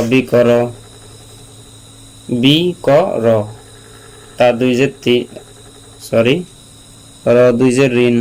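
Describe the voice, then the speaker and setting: A man teaching Quran reading, spelling out syllables slowly and repeating them patiently for learners. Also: mid-range voice, clear, resonant tone, rough recording. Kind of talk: slow spelled-out recitation lesson. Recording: steady mains hum behind the voice.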